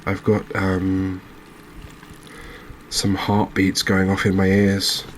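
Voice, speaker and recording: In a slow, low-quality recording with light background noise, a gaming channel host with a low voice delivers cozy, ASMR-style game commentary. His pitch stays very even while he rambles and muses to himself.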